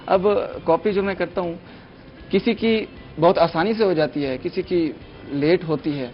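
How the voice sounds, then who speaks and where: A young man appearing as a mimicry artist on a morning show, chatting eagerly and mixing in English words. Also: high voice. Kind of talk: casual TV chat. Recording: dull lo-fi TV studio sound, faint music.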